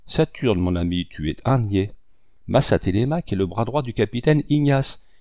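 A man's voice: fairly low pitch, lively intonation, moderate pace, warm tone, no echo, clean studio sound. Man doing a stern, bossy comrade. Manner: scolding, curt.

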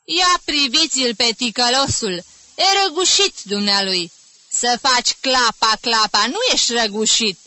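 Storybook figure: woman acting an irate middle-aged male music teacher, shrill shouted scolding, dry close sound. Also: animated, hardly any pauses, dry recording. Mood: mocking. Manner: shouting insults, shrill and explosive.

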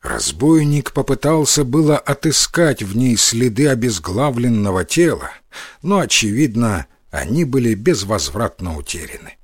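A man narrating a folk tale in a scripted, expressive storytelling manner. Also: mid-range voice, moderate pace, husky, no echo, clean studio sound.

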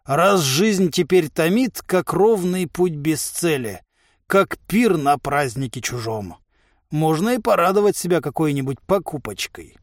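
A man's voice: a little high, animated, a little slow, no room sound, studio quality. A man voicing a proud, pompous giant of a warrior who speaks grandly. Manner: grandiose, self-important.

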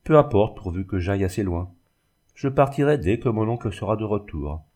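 A man's voice: lowish voice, animated, a little fast, mellow. A man voicing a proud, resolute young woman in an audiobook reading, speaking with fervent firmness. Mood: determined. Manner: fervent, pleading, firm.

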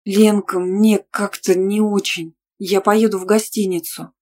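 Woman playing a hoarse, sick older sister. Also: mid-range voice, little pitch movement, unhurried, dark tone, natural voice. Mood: weak. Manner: weak but insistent.

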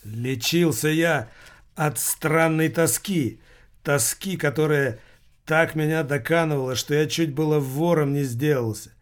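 A man's voice: fairly high pitch, a little slow, close to an everyday voice. A man voicing an irritated man who bluffs his way through a tense dinner. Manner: irritated, insistent.

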